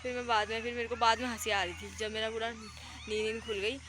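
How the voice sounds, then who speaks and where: A woman's voice: on the high side, flat delivery, a little fast. A young woman from India, rambling on about her day as a casual vlogger. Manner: chatty, rambling storytelling. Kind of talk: casual vlog narration. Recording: noisy outdoor phone audio.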